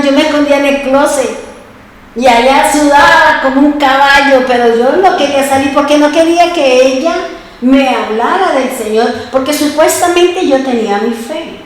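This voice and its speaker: A woman's voice: high voice, heavy reverb, rough recording. A woman preacher giving an emphatic sermon, asking her congregation rhetorical questions. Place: church.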